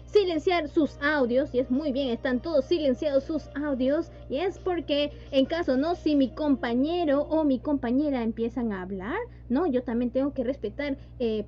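High-voiced woman teaching online. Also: normal speed, few pauses, mellow. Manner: mixes Spanish and English, repeats "yes" and "¿no?". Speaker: English teacher. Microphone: video call. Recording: dull lo-fi online call audio with faint hum.

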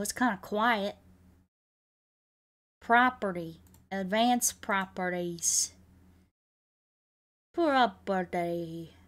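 A woman livestreamer plays a video game and gives playful commentary in mock-bossy cowboy slang with a Southern US accent. Her mid-range voice sounds pushed and bright.

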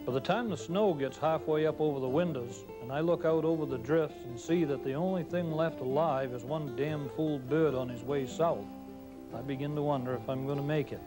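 A man's voice: a little high, moderate pace, music in the background. Drawling Maine man spinning tall tales. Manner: dry, drawling, plain-spoken yarn spinning. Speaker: storyteller host. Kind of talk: folksy tall-tale storytelling. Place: studio kitchen set.

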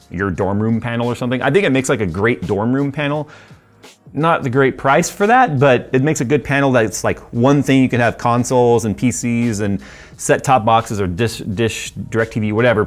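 Rambling and chatty, a forties-aged man with a voice on the low side reviews tech gear, often laughing and saying um. The setting is a studio workshop and desk setup bathed in purple and red light.

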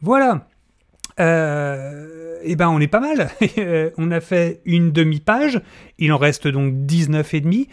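A middle-aged man with a fairly high, lively voice hosts an informal spoken tutorial on audio fiction, taking his time. He sits close to a desk microphone in a small room, wearing headphones.

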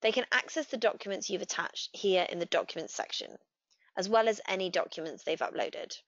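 A woman narrating a scripted software tutorial, walking through each step in a steady, clear way. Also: medium pitch, brisk, no room sound. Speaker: customer success manager. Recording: dry, slightly dull voice-over.

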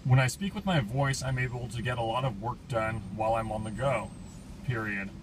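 A man dictating text to a phone in deliberate, measured phrases, speaking punctuation aloud. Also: medium pitch. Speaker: tech reviewer. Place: inside a car on a city street. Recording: clear urban street and car noise.

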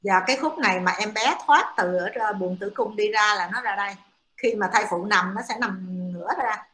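A woman's voice: medium pitch, normal speed, pushed and bright. A woman giving a classroom lecture to students, explaining step by step with many hesitant fillers. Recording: echoey room.

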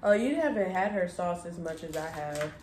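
Chewing between words, a young woman co-hosts a mukbang, chatting casually at a table in an indoor room. Her fairly low voice is animated and a little mellow at a normal speed, and the room echoes with light background noise.

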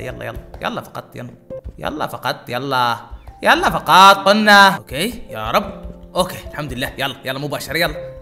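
A gaming YouTuber giving live gameplay commentary, excitable, muttering prayers under their breath and talking straight to viewers. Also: mid-range voice.

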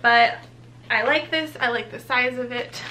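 A woman's voice: high-pitched, moderate pace, pushed and bright, a little hiss or hum. A young woman, heavily pregnant and a bit out of breath, chatting casually through a product unboxing as a vlogger. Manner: chatty, upbeat.

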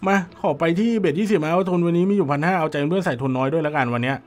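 A hoarse man with a Thai accent, chatting excitedly with his viewers while commentating an online slot game. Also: fairly high pitch, very fast. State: hoarse, dry voice.

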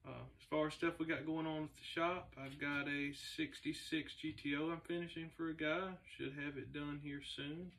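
A laid-back man talks in a flat, even tone and stops often for fillers. He sits in a large garage shop, and his voice comes from a camera several meters away, so it sounds distant and roomy. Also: on the high side, moderate pace, vocal fry, hardly any pauses. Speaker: race car builder and shop owner. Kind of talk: casual vlog talk. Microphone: camera a few meters away.

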